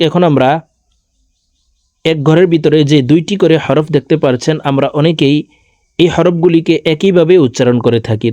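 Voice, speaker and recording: A man teaching Arabic letter pronunciation, chanting each syllable slowly and explaining quickly in between, with a Bangladeshi Bengali accent. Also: on the high side, dark tone, dry recording. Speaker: Quran recitation teacher. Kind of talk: slow drilled letter recitation lesson.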